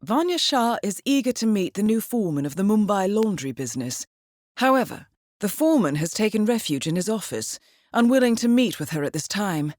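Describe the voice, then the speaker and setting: An actress playing a coolly professional handler who briefs an assassin in a video game, speaking in a composed, formal with dry understatement. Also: female voice, mid-range voice, big pitch swings, a little fast, darkish tone, dry recording, natural voice. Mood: calm briefing.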